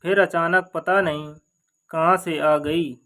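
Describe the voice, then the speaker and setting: A man's voice: a little high, fairly even intonation, slow, fairly bright tone. A man voicing a worried, bewildered village husband in a folk story, with anxious questioning.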